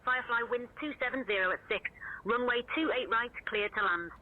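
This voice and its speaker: A woman's voice: fairly high pitch, a little fast. A woman air traffic controller giving clipped instructions, heard over a pilot headset radio. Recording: tinny narrow radio link, static noise.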